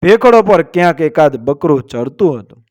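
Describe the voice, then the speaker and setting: A man narrating a village story in a steady, literary reading voice, reading the quoted lines as part of the telling. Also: a little high, moderate pace, no echo, dull audio.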